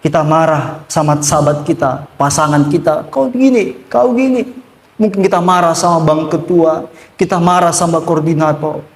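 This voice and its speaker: Man, pastor, emphatic sermon, high voice, repeats phrases, echoey church room. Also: fairly even intonation, moderate pace. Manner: emphatic preaching, sweeping up and down in pitch, repeating phrases.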